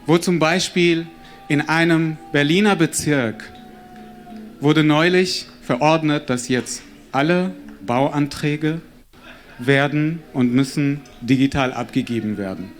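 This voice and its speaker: Man, casual talker, slow and meandering, a bit high, faint music underneath. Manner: rambling, searching for words with fillers. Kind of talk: casual talk.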